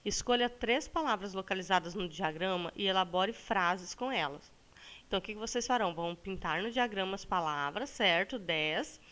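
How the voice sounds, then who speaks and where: A woman teacher with a Brazilian accent, walking students through a lesson with patience. She stretches words slowly to show the stressed syllable and often checks in with "tá bom?". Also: medium pitch, a bit bright. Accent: Brazilian Portuguese. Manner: ends phrases with a checking "tá bom?". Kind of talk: recorded classroom lesson for students.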